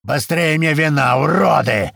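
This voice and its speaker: A man's voice: a little high, unhurried, vocal fry, a bit bright, no echo, clean studio sound, pitched above the performer's own voice, heavily acted. A man voicing a drunk, brutal male slave owner who bellows orders across a yard. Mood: bellowing.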